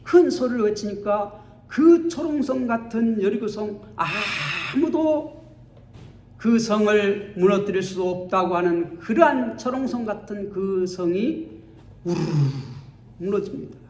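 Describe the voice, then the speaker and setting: A male pastor preaches in a high-pitched voice, taking his time and letting each phrase land. He tells the story dramatically, acting out its scenes. His voice rings around an echoey church sanctuary. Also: lively intonation, unhurried, darkish tone. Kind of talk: sermon.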